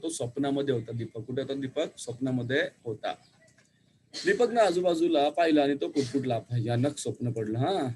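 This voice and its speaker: A man's voice: mid-range voice, a little hiss or hum. Man reading a story aloud to pupils. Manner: animated storytelling with asides to pupils. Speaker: teacher.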